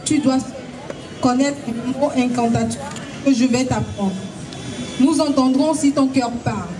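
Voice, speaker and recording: A woman's voice: high voice, normal speed. A woman from Togo, an author, giving a brief introduction and reading. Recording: distant mic in noisy crowd.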